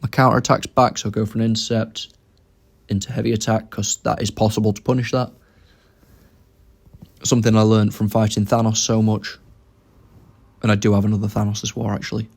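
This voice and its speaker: A man's voice: lowish voice, flat delivery, a little fast, vocal fry, pauses often, breathy edge. A young man giving casual commentary over his own game, thinking aloud about each move as he plays.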